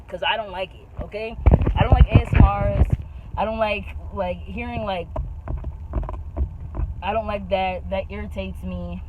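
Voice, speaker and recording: A young woman vlogging in a casual chat, animated and slangy, leaning hard on "bro" and "like.". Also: mid-range voice, muffled recording, noisy background.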